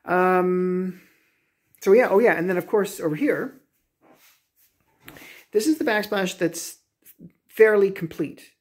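A man's voice: high-pitched, slow, pauses often. A man in his thirties giving a casual, rambling home tour vlog on a handheld phone in his kitchen, with many fillers and restarts. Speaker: homeowner vlogger. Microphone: phone camera, handheld selfie then walking.

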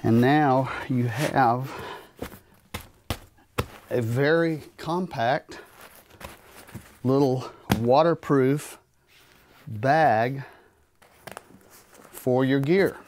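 A man in his thirties giving a relaxed, plain-spoken demonstration of camping gear while handling it in a carpeted room at home. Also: mid-range voice. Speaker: gear reviewer. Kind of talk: casual product demonstration. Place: carpeted room in a house, indoors.

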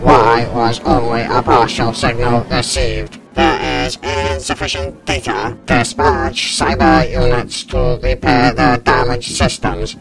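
Metallic cyborg boss, flat clipped robot talk, super slow, loud music behind. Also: male voice, medium pitch, poor audio. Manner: flat, clipped, mechanical delivery. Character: cold emotionless cyborg commander, male. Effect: metallic robotic voice filter. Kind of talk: fan audio drama voice test.

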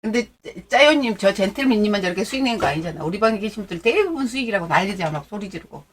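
A woman's voice: medium pitch, animated, racing, slight background noise. A middle-aged woman hosts a live stock-trading stream and keeps up a chatty, teasing patter with her viewers. She answers their messages and tips as they come in, scolding and joking in a loose, familiar way. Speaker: stock-trading livestream host. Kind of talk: casual livestream chat.

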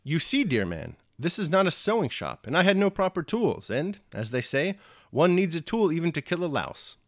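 A man voicing a gentle old peasant soldier who speaks in homely proverbs, his voice raised above his own. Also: fairly high pitch, very animated, moderate pace, dry recording, clean studio sound, pitched above the performer's own voice, exaggerated voice. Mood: warm, pleased. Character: kindly old male peasant soldier, folksy.

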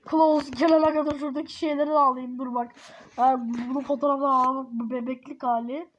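Brash young woman, high voice, swearing. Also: steady tone, brisk, lo-fi sound, slight background noise. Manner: brash, swears often and scolds loudly. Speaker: gamer playing a babysitter game. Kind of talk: casual gameplay commentary.

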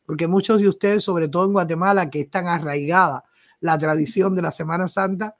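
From a small home studio, a middle-aged woman from Cuba with a Cuban accent hosts a casual live news stream on a desk microphone. Her voice is on the low side, fairly quick, and fairly even in intonation. She's chatty and affectionate, greeting viewers by name and reading their comments aloud.

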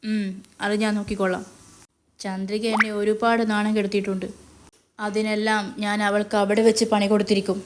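A cruel, vengeful kidnapper, as a woman puts him on in a retold soap-drama story. He speaks slowly and with menace, in a flat, level delivery that barely rises or falls. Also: slight background noise, lightly acted. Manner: threatening, slow and low.

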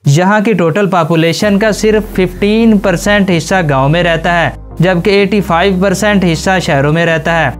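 A man narrating a scripted facts video, addressing viewers as friends in a brisk voice-over. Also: high-pitched. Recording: faint music under voice-over. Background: background music.

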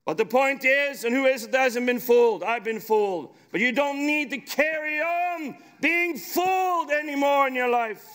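A middle-aged man with an extremely high voice preaches a sermon into a podium microphone on a large conference stage. He's urgent and emphatic, sometimes breaking into shouts.

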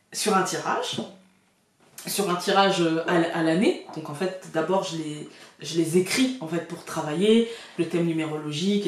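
Woman vlogger, colloquial and laughing storyteller, recorded at a distance in a reverberant room. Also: lowish voice. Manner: chatty, colloquial, laughs often. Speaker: card reader and vlogger. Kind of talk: casual storytelling to camera. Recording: very echoey room, far from the mic.

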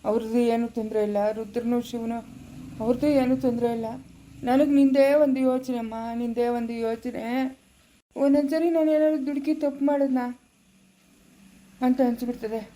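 A woman playing a loving, worried elderly father who soothes his daughter gently and repeats himself in a family skit. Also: on the high side, steady tone, normal speed, close to an everyday voice. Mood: tender. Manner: gentle, soothing, repetitive pleading.

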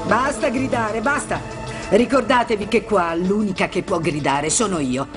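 A woman's voice: mid-range voice, normal speed, natural voice. An actress dubbing a bossy woman who runs an institution and gives orders. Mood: commanding. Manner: domineering and commanding. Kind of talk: Italian TV dub. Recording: music underneath.

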